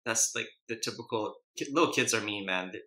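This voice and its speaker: Bright-voiced man chatting while eating, echoey room. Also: fairly low pitch, fairly quick. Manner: chewing and eating while talking. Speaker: mukbang host. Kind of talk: casual chat while eating. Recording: roomy, echoey indoor sound.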